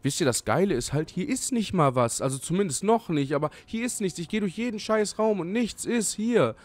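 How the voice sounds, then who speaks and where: A young man with a high, animated voice talks fairly quickly as he plays a horror game for a let's play. He's scared and jumpy, swearing and talking back to the game.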